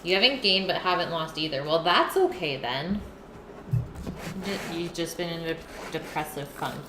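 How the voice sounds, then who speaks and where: Cooking on a livestream from her home kitchen, a woman with a lowish voice and lively intonation talks at a moderate pace, responding to viewer messages as she goes. The kitchen is echoey and there's noise in the background.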